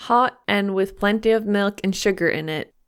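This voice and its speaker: A man voicing a loyal young fisherman boy in an audiobook, with a soft, slowed, raised boyish voice. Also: high voice, smooth, pitched above the performer's own voice. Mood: hushed. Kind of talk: audiobook character voice.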